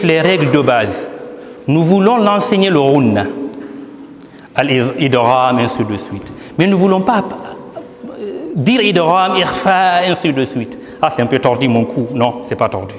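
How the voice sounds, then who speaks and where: A man's voice: a little high, big pitch swings, a little slow. A man, an imam, presenting his book as a teaching talk, explaining step by step and asking and answering his own questions. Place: large hall at a ceremony. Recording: echoey hall with long reverb.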